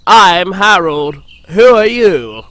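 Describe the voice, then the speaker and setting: A man's voice: sits high, very animated, slow pace, sharp tone, dry recording, voice pushed up, full character voice. A man voicing a conceited, boastful helicopter in a storybook reading, snooty and drawling. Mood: proud.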